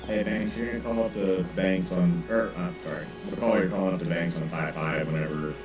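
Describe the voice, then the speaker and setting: A man in casual military game chat, halting and correcting himself as he passes on instructions. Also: low voice, steady tone. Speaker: player in a military game squad. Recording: distant echoey game voice chat with music behind.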